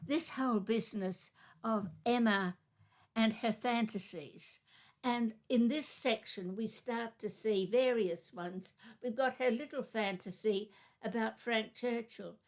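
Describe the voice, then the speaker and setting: A woman co-hosting a literary discussion podcast, reading a chapter summary and giving measured, thoughtful commentary. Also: on the high side. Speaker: podcast co-host.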